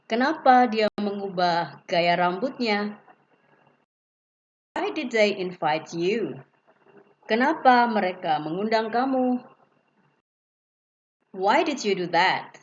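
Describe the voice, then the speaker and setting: A woman teacher reads example sentences aloud at an unhurried, deliberate pace. The recording sounds dull and lo-fi. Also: medium pitch, expressive, a little hiss or hum. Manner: slow, careful reading, each English sentence followed by its Indonesian translation. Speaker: English teacher. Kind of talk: reading example sentences slowly.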